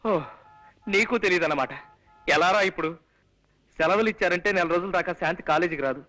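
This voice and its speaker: An actor playing a lovestruck comic man who plots to meet a college girl, talking in a brisk, self-pleased way. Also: high-pitched, bright, forceful tone. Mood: scheming.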